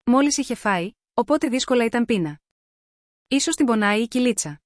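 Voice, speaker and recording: Lady reading out a story in first person, kinda high voice, steady and even. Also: no echo, studio quality. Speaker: narrator.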